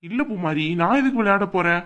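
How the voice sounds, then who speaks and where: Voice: mid-range voice, expressive, fast, a bit bright, lo-fi sound, close to an everyday voice. An actor voicing a stubborn young husband in a family drama skit, insistent and dismissive. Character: stubborn young husband set on buying land.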